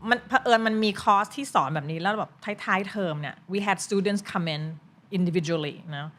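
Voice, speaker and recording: A woman in her sixties from Thailand, a retired English teacher, talking in a casual interview with expressive, teacherly storytelling. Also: fairly low pitch, normal speed, slight background noise. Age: 60s.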